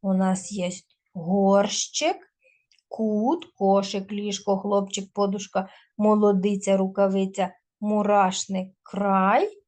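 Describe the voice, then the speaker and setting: A woman teacher giving a recorded video lesson to schoolchildren, dictating word lists slowly and clearly. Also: medium pitch, level tone, darkish tone.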